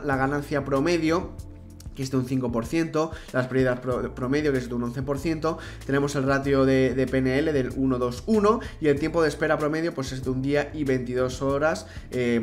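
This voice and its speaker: A man's voice: medium pitch, fairly quick, soft background music. A young man with a Spanish accent from Spain, hosting a screen-recorded crypto tutorial, chatty and speaking straight to viewers with frequent restarts. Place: indoor room.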